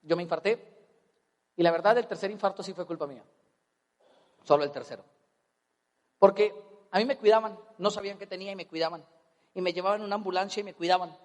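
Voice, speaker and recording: A Colombian man telling a personal story as a motivational speaker, animated and comic, acting out voices. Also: high-pitched, fast talker, pauses often, big-room sound. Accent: Colombian Spanish. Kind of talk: storytelling talk on stage.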